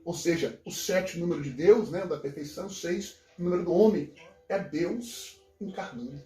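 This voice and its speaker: A man's voice: on the high side, normal speed, dark tone. A man who teaches Greek, explaining scripture in a casual conversation with enthusiasm and emphasis. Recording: echoey room, distant from mic.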